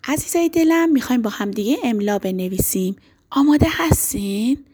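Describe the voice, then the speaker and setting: A woman teacher leading a dictation lesson for young boys, affectionate and encouraging, drawing out letters and words slowly. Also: a little high, animated, warm tone, breathy edge. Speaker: primary school teacher.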